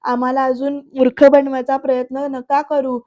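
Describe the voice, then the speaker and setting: A woman's voice: sits high, flat delivery, normal speed, dark tone, lo-fi sound, natural voice. Woman reading as a confused young son. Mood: frustrated. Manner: confused, frustrated. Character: young son torn between his parents.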